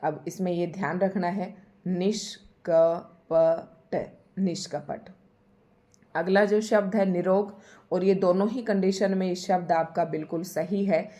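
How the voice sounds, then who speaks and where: Woman, teacher, spelling lesson for exam prep, repeats each word patiently, mellow voice, lowish pitch. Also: fairly even intonation, a little slow. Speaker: Hindi teacher.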